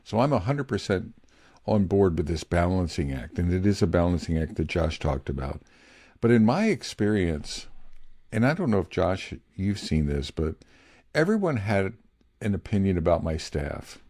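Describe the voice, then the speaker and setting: A middle-aged man co-hosts a casual podcast on leadership from his home office, talking candidly and ramblingly, close to the mic, and sometimes getting feisty. His voice sits low with a dark tone, very animated at normal speed, with no echo.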